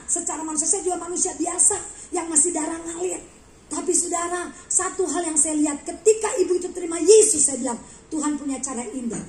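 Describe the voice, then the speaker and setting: High-voiced woman preaching in an echoey hall. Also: a little hiss or hum. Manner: animated storytelling, acting out dialogue. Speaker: guest preacher. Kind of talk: testimony sermon. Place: large church hall.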